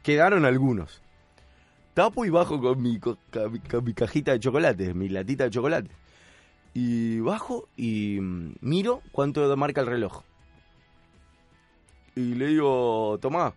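A man's voice: medium pitch, unhurried, long pauses, dry recording, faint music behind. A young man with an Argentine Rioplatense accent, a podcast host animatedly telling a funny story in casual chat, acting out what people said. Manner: animated storyteller, acts out quotes, laughs often.

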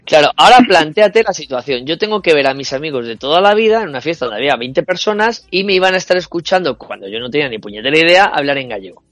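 A young man spins a comic party anecdote, animated and freely swearing as he acts out other people's voices. His voice sits a little high for a man. It is recorded dry and close, with light music behind him. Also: fast talker, hardly any pauses, dry recording. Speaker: storyteller on a New Year's Eve show. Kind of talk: comic anecdote told to friends.

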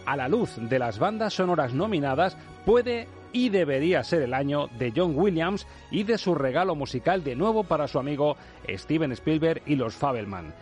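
A male radio host from the Spanish airwaves, with an accent from Spain and a fairly high voice. He announces like a ringmaster, grand and showy, in polished scripted phrases over a light music bed. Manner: ringmaster-like grand announcing, addressing ladies and gentlemen. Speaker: radio film show host.

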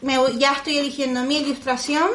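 A woman from co-hosting a podcast, talking loudly and chatting in a lively way. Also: high voice, brisk. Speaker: podcast co-host. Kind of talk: casual chat. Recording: roomy echo with loud crowd noise.

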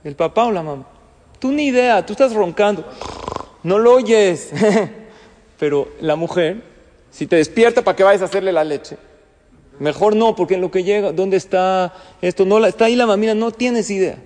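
A man's voice: high voice, normal speed, darkish tone, big-room sound. A man giving a sermon as a rabbi, telling stories and asking the listeners questions. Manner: storytelling with jokes and questions to the listeners. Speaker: rabbi and lecturer.

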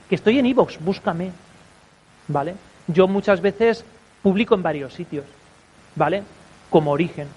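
Chatty podcaster from with a high male voice, giving casual advice to a crowd and tagging every point with a quick check-in. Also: poor audio. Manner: chatty, constantly tags sentences with a questioning check. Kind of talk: informal talk to an audience.

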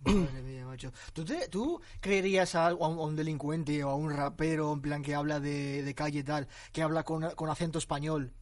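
A man's voice: on the high side, a little fast, few pauses. Chatty young interviewer man. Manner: chatty, excitable, filler-heavy questions. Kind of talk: casual interview talk.

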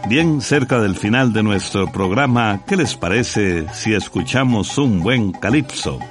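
A man's voice: lowish voice, animated, measured pace, over music. A man co-hosting a radio program, giving plain, instructive scripted narration.

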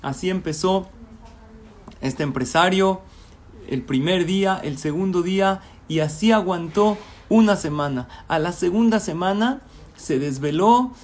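A man with a fairly high voice tells a motivational story. His narration is lively and then turns calm for the advice, with faint ambient noise behind him. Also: unhurried. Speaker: motivational speaker.

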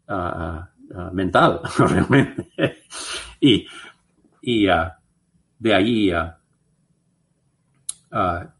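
An American man, a guest researcher, answers interview questions with anecdotes. His voice is lowish, and he speaks slowly and haltingly, with many restarts and filler sounds.

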